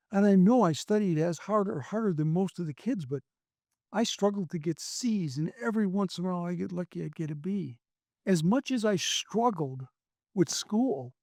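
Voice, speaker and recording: A man's voice: sits high, a little mellow, dry recording, studio quality. An American man telling a personal story in an earnest, emphatic way, repeating key phrases.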